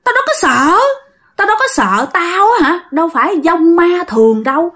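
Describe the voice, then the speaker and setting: A woman's voice: very high voice, very animated, normal speed, a bit bright, pitched above the performer's own voice, full character voice. A woman voicing a vengeful female ghost nearly a hundred years old who has turned into a demon, snarling threats. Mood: snarling, threatening.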